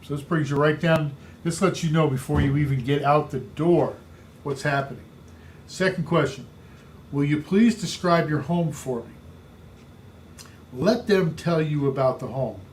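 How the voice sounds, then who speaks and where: A real estate sales trainer with a booming voice coaches salespeople in an instructional podcast, his delivery emphatic and repetitive. The sound is a little mellow, with slight background noise.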